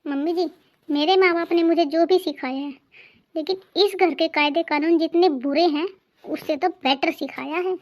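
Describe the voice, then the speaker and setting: A young daughter-in-law from a cartoon family drama, voiced by a woman, with a very high, light voice. She stays polite but holds her ground. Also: fairly even intonation, moderate pace, lo-fi sound. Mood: firm. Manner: polite but firm, answering back.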